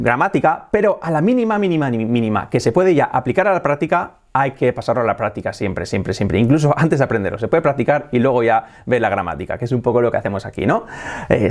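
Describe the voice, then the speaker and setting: A man from Spain with a Spanish accent, teaching English in a video lesson to camera, jokey and animated, imitating good and bad English pronunciation. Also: medium pitch. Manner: animated, jokey, often laughs at own examples; imitates mispronounced and native English for contrast.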